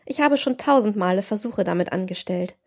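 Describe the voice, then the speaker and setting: A woman's voice: mid-range voice, animated, fairly quick, darkish tone. A woman voicing a cruel, scheming young nobleman in an audiobook, lofty and lecturing. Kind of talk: audiobook reading.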